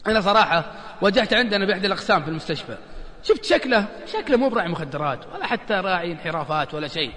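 A man with a Gulf Arabic accent delivers a lively, joking sermon full of anecdotes and questions to the crowd. His voice sits very high and sounds bright and sharp, and he talks fast. The sound rings with long hall reverb. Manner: animated, joking, addresses audience as brothers. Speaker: religious preacher.

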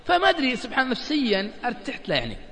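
In a large hall, a man's very high-pitched voice races along as he preaches in colloquial Gulf Arabic. This animated religious preacher jokes, shares anecdotes and keeps turning to the audience to ask, "isn't that right, brothers?"

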